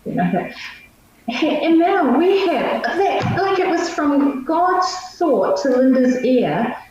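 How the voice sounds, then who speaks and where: A woman's voice: high-pitched, big pitch swings, slow pace. A middle-aged woman with a New Zealand accent tells personal stories in a chatty, emphatic, conversational way. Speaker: missionary guest. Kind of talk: informal personal storytelling. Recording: echoey, muffled, distant, faint noise.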